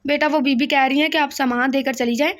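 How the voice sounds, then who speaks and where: A woman reading the part of an older man of the household who speaks in a hesitant, halting way. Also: high voice, fairly even intonation, natural voice.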